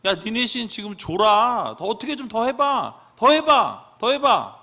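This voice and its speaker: A man's voice: medium pitch, very animated, moderate pace, pushed and bright. A man voicing a bold male prophet who taunts his rivals in a mocking, teasing way. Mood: taunting.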